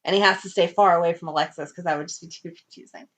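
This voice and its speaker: A woman co-hosting a fan podcast in casual chat. She is opinionated and briskly acts out characters' lines in quick asides. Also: lowish voice, steady tone, a bit bright. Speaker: podcast co-host.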